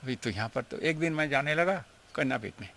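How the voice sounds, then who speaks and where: A man's voice: mid-range voice, lively intonation, brisk, vocal fry, bright, forceful tone, a little hiss or hum. An older man recalls his years with his guru in an interview, telling the story in an earnest, emotional way. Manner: emotional, earnest storytelling, mixing in English phrases. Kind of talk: reminiscing interview.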